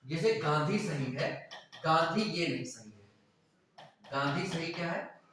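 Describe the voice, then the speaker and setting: A man's voice: on the high side, lively intonation, a little slow, a bit bright, slight background noise. Man teaching in an echoey classroom. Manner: repeats words and asks the class questions. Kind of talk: classroom grammar lesson. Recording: echoey classroom, mic far off.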